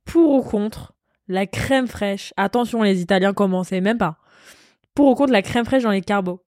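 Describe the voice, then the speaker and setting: A woman's voice: medium pitch, normal speed, darkish tone, no room sound, studio quality. A young woman co-hosting a casual chat podcast, playful and teasing with lots of slang. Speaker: podcast co-host.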